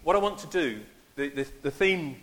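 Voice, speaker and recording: A man leading a church service, talking in a halting, informal way with many fillers and restarts. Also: on the high side, fairly bright tone, long reverb tail. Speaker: minister. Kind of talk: informal sermon.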